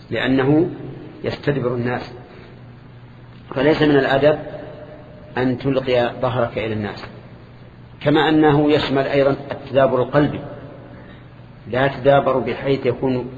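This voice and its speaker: A man, teaching a lesson that explains a hadith and putting questions to his students. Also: mid-range voice. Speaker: Islamic scholar teaching. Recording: lo-fi recording in a reverberant hall with faint noise.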